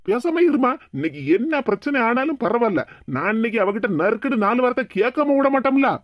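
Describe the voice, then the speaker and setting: A woman's voice: fairly high pitch, expressive, brisk, no echo, highs cut off, natural voice. A woman voicing a stubborn, angry young husband in Tirunelveli Tamil. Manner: insistent, hot-tempered.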